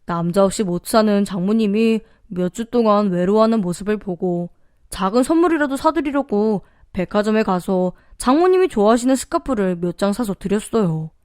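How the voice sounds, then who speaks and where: A woman's voice: medium pitch, lively intonation, moderate pace, a little mellow, smooth, dry recording, studio quality. Emotive female story narrator. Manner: careful pronunciation, emotive first-person narration. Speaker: story reader.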